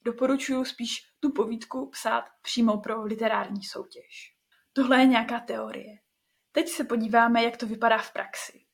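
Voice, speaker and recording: A woman teaching creative writing, reading her own short story aloud in a clear, measured way. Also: a little high, fairly even intonation.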